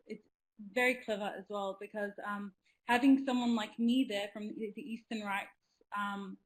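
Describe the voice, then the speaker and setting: A young Australian woman, a youth representative, talks casually on a webinar video call from a small room at home. She's earnest and enthusiastic, with lots of ums and restarts. Her voice is medium-pitched and the recording quality is low.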